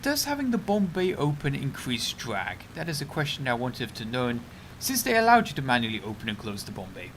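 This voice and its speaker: A man's voice: medium pitch, wildly swooping pitch, fairly quick, background noise. A young man streaming a game, rambling chattily through casual commentary and breaking off to react to the match. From United Kingdom.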